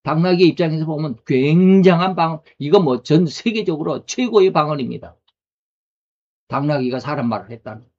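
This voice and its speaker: Pastor, male, higher voice, chatty sermon full of rhetorical questions, dull lo-fi recording. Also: lively intonation, brisk, a little mellow. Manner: conversational preaching with rhetorical questions.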